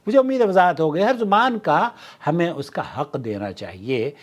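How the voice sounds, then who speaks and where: A man hosting his channel, explaining things in a casual talk and filling pauses with drawn-out "aa" sounds. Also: a little high, animated. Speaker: channel host.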